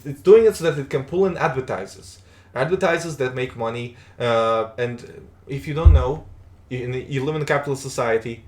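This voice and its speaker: Chatting casually during a gaming live stream, a young Latvian man with a slightly high voice rambles on with lots of restarts. Russian is his first language, and the sound carries a roomy echo.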